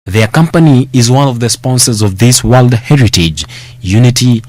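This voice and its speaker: A man's voice: mid-range voice, a little mellow, no echo. Man narrating a formal voice-over. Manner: formal, measured.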